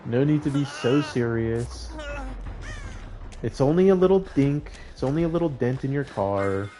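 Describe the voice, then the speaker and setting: During a casual gaming stream, a young man with a medium-pitched, mellow and animated voice talks at normal speed, with a little hiss or hum on the audio. He jokes with chat while playing, laughing a lot between callouts to his team.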